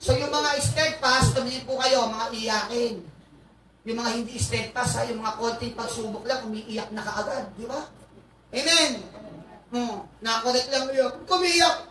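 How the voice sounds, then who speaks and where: A man, a pastor, preaching a lively sermon with frequent hallelujahs and asides to his congregation. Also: very high voice, measured pace. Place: church hall. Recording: echoey hall, far from mic, faint noise.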